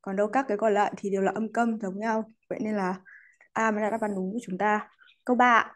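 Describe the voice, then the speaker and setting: In this online English lesson, the teacher talks fast in a mid-range voice that barely rises or falls. Patient and polite, she slips in English terms while explaining and tacks courteous particles onto most lines.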